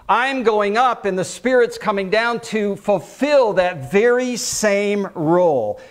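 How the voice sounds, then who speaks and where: A man preaching a conversational sermon, quoting scripture, repeating phrases for emphasis and asking the congregation questions. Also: high-pitched. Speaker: pastor teaching. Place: church.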